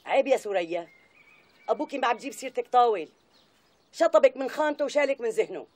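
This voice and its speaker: An actress with a Syrian accent playing a stern, reproachful aunt, in a TV drama. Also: female voice, a little high, expressive, fast talker, a little mellow, lightly acted. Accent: Syrian Arabic. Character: stern aunt delivering an offer.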